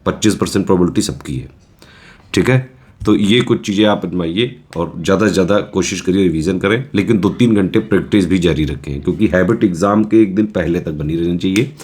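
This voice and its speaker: A man's voice: deep voice, darkish tone. A man coaching exam students in a casual, reassuring lecture, often checking in with his listeners.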